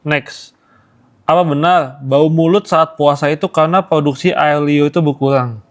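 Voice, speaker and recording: Male co-host, slightly high voice, asks questions politely and chimes in briefly. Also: steady tone, moderate pace. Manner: asks politely, short interjections. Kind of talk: casual chat.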